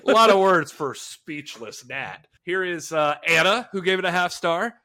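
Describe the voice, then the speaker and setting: Bright-voiced male podcast host. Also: sits high, expressive, normal speed. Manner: reads reviews aloud with dramatic emphasis. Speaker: podcast host reading reviews. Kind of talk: casual podcast chat. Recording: echoey room.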